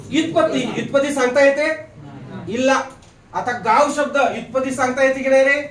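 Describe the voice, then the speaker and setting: A man teaching a grammar class in a lively way. He quizzes his students, jokes with them, and. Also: very high voice, far from the mic. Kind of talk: classroom lecture. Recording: echoey classroom recorded from afar.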